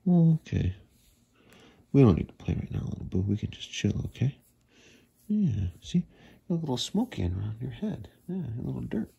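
Gravelly doting man whispering to his cat. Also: medium pitch, big pitch swings, normal speed, pauses often, dull audio. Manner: soft doting pet talk, drifting into whispers. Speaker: cat owner filming his pet. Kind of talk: casual baby-talk to a cat. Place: carpeted house basement, indoors. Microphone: handheld phone camera.

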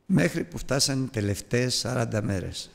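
An older male preacher gives a Bible lesson as a lively story, acting out every voice. His voice sits at a middle pitch. The church hall adds a long reverb behind him. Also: creaky.

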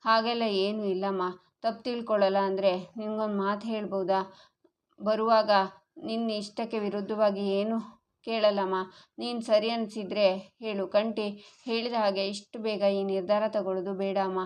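A woman reading a calm, caring elder brother. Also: medium pitch, normal speed, natural voice. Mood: reassuring. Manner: gentle, reassuring.

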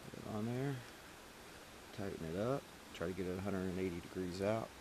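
Clicking tools and workshop noise surround a middle-aged man with a low-pitched voice, speaking fairly quickly as he demonstrates an engine rebuild in short, casual, practical steps. The setting is a large metal-walled indoor garage, captured by a camera mic a step or two away.

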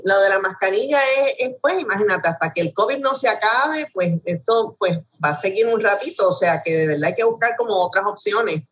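A radio show co-host with a Puerto Rican Spanish accent and a medium-pitched, fairly bright voice tells stories in lively conversation. She laughs and imitates other people's voices, heard as distant audio over a video call from home.

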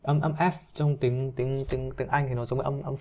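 A man's voice: mid-range voice, little pitch movement, brisk, a little mellow. Chatty man giving a singing lesson. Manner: chatty, self-deprecating, breaks into sung demonstrations. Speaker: English teacher.

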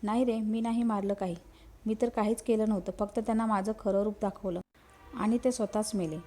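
A woman's voice: mid-range voice, fairly even intonation, brisk, warm tone, faint music behind, lightly acted. Woman reading as a vengeful ghost woman. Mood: spiteful. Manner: menacing, mournful in turns. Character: vengeful female ghost, possessive and cackling.

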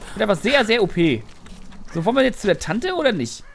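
A man's voice: high voice, very animated, fast talker, creaky, a little hiss or hum. A man narrating his game in a joking, rambling way with mock anger, as a let's play host. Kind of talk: gaming commentary.

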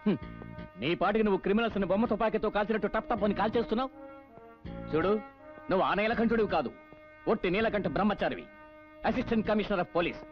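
Man voicing an exasperated police chief, scolding, high quick voice, dull audio, faint score. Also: soft background music, close to an everyday voice. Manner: scolding, lecturing. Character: stern, exasperated male police superior. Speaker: senior police officer. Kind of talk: dubbed film acting.

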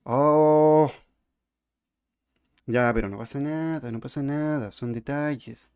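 A man casually commenting on his own video game playthrough, excitable and quick to yell in panic when things go wrong. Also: mid-range voice, smooth. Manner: excitable, yells in panic during fights, talks to the character. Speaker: gameplay commentator. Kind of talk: casual let's-play commentary.

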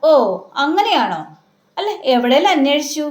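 A woman's voice: sits high, sing-song, moderate pace, reverberant. Woman doing a sulky, teasing young wife. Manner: teasing, scolding questions.

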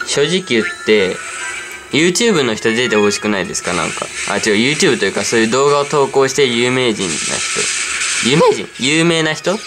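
A man's voice: medium pitch, sing-song, moderate pace. A man giving easygoing game commentary, rambling and talking to himself as he plays. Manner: rambling, easygoing, talks to himself while playing. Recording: clear background music under voice. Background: background music.

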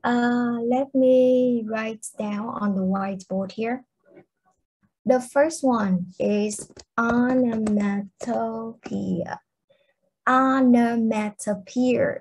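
A woman's voice: fairly high pitch, warm tone, breathy edge, rough recording. A young woman with a Vietnamese accent teaching a literature class online, explaining patiently and checking in with her students. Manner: explains patiently, asks the class questions, fillers like okay.

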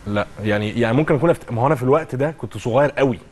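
A man's voice: mid-range voice, rapid-fire, a little mellow. An Egyptian man in his thirties co-hosting a morning TV show, chatty and joking about himself. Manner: joking, chatty, self-mocking. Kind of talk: casual studio chat with callers. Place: bright TV studio set. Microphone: lapel mic.

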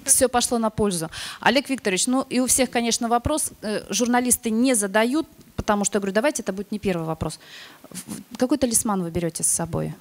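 A woman moderating a press conference, brisk and playful as she passes questions to the crew. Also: fairly high pitch.

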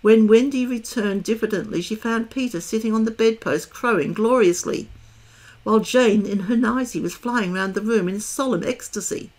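A woman reading a children's novel aloud in a calm, measured way. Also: on the high side. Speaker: storyteller.

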